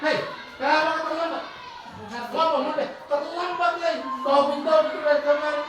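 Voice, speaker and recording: A woman playing a harsh teacher who scolds a late student with sharp rebukes, recorded in an echoey room from far off with a crowd behind. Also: high-pitched, fairly even intonation, a little fast, background noise, pitched above the performer's own voice, lightly acted. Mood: scolding.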